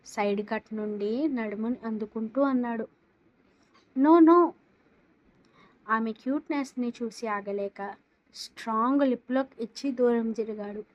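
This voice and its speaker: A woman narrating a romance story in a steady, dramatic reading style. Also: fairly high pitch, normal speed, no echo, lo-fi sound.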